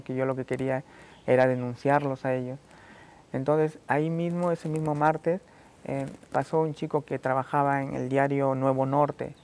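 A man from Peru gives halting spoken testimony at a formal hearing, repeating phrases and recounting what others said to him. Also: mid-range voice, creaky, a little mellow. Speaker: petitioner giving testimony.

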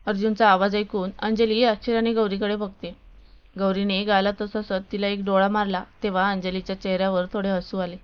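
A woman storyteller reading a scripted story in a steady, even way. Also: mid-range voice, brisk, clean tone, lo-fi sound.

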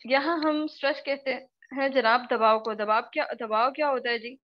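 A woman from Pakistan teaching a live online spoken English class, her voice hoarse and worn out, quizzing students and repeating her questions. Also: high-pitched, steady tone, dull audio, background noise. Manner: questions students often, repeats herself, slow drawn-out example words.

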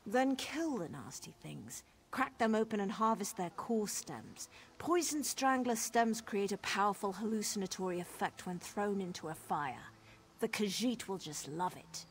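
An actress voices a mischievous elf woman, a quest giver in fantasy game dialogue, who schemes and plots pranks in a gleeful, conspiratorial way. Her medium-pitched voice is animated and a little slow, with a little hiss or hum in the recording.

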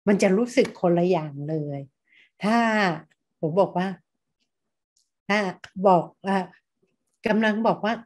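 A woman's voice: mid-range voice, takes it slowly, long pauses, darkish tone. Middle-aged woman giving a uni lecture, keeps asking the class questions, acts out tones of voice. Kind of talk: university lecture.

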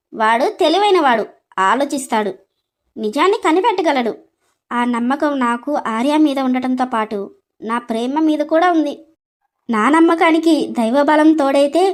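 A woman voicing a bold, clever young woman in an animated storybook, talking back with defiance and sarcasm. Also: high voice. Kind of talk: storybook voice acting.

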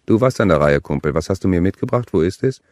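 Man doing a lecherous joking coworker, smug, put-on, low dry voice. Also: lively intonation, quick pace, darkish tone, dry recording. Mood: leering. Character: lecherous joking male lab colleague, fake grin.

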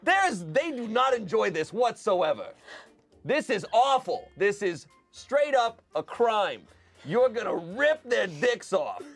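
A man improvising a comedy sales pitch on a live stream, rambling and excitable, swearing and breaking into laughter. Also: takes it slowly, creaky, faint music behind. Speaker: comedian pitching a fake product.

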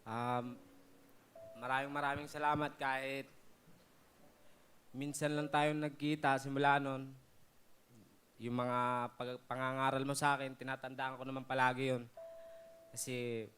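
A man's voice: medium pitch, a bit bright, smooth. A man appearing as a contestant on a game show, giving heartfelt, respectful testimony about his family. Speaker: contestant, father. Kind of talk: emotional personal testimony.

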